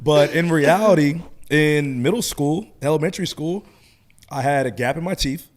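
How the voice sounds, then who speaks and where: A man with a slight lisp, co-hosting a podcast and chatting casually as a coach, talkative and animated when telling stories. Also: on the high side, moderate pace. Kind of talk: casual chat.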